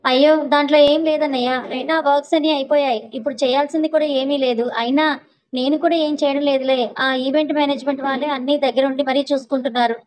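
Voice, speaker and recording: A woman's voice: sits high, fairly even intonation, fast, a little mellow, lightly acted, poor audio. A woman voicing an eager, talkative young man who hides a scheme, in a spoken story.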